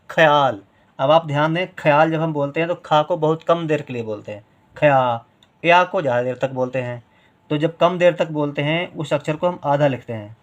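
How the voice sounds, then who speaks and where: A man teaching a spoken writing lesson, patiently repeating syllables and stretching sounds to show how long each is held. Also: on the high side.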